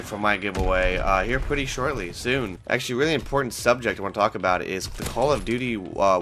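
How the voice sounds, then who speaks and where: Speaking into a headset from a small home room, this twenty-something gaming host has a cold that leaves him congested. His lowish voice sounds pushed and bright as he rambles over gameplay, cursing a lot and erupting in frustration.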